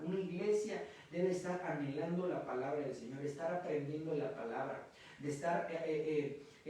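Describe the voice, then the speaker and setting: Guy preaching in church, kinda high voice, very echoey and far from the mic, keeps tossing in "verdad?". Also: a little mellow. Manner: conversational preaching with frequent "¿verdad?" and repeated filler words. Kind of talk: sermon. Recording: very echoey room from a distance.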